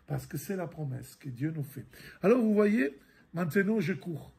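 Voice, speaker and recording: A middle-aged man, a priest giving a catechism lesson, explaining scripture in a halting way with many repeated words and fillers. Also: a little high, animated, vocal fry, dark tone, slightly rough.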